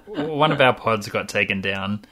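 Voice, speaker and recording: A podcast host with an Australian accent speaks in a medium-pitched voice. The style is casual co-hosted chat with a playful, jokey manner. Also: animated, measured pace, bright, forceful tone.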